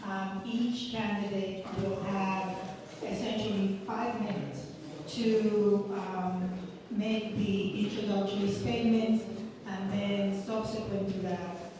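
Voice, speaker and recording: A woman moderating a candidate forum, measured and formal with frequent ums. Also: medium pitch, level tone, noisy background. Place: community center hall. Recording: echoey hall, from far off.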